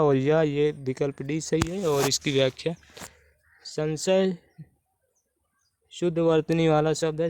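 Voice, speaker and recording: A man's voice: fairly high pitch, a little mellow, clear, resonant tone. A man teaching Hindi spelling for exam preparation, going through questions methodically and repeating each answer. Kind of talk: explaining spelling questions step by step.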